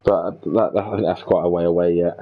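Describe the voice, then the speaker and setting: A man's voice: deep voice, fairly even intonation, brisk. A man co-commentating an online racing league, hesitant and full of ums and restarts. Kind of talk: casual esports race commentary. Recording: dull lo-fi stream audio.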